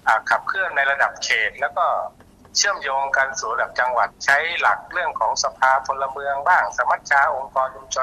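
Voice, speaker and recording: A man's voice: medium pitch, pushed and bright, breathy edge. A man calling in as a community organization chairman, explaining at length with fillers, over a phone line. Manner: explanatory, many fillers and restarts. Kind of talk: explaining on a call-in interview.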